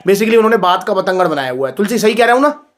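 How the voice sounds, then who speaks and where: A man's voice: high voice, lively intonation, rapid-fire. A man filming a casual family vlog indoors at home, talking playfully and teasing as he chats to the viewers. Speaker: father and vlogger. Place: indoors at home, in front of a heater.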